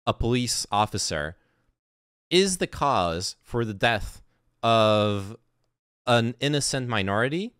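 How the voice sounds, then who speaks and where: A man's voice: mid-range voice, lively intonation, takes it slowly, fairly bright tone, smooth, no echo, studio quality. Sarcastic, exasperated man giving commentary. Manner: sarcastic, exasperated, swears often. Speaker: commentary streamer reacting to a podcast clip. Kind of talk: reaction commentary.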